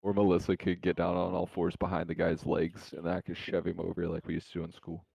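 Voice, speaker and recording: Deep gravelly dude, cracking crude jokes at the table. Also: male voice, monotone, fairly quick, darkish tone, no room sound. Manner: joking, profane banter. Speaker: player. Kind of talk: casual chat while playing a tabletop game.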